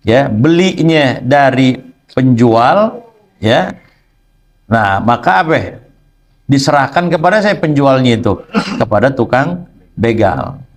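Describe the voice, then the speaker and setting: A man teaching a religious text lesson, explaining playfully with rhetorical questions. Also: mid-range voice. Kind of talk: kitab study lesson.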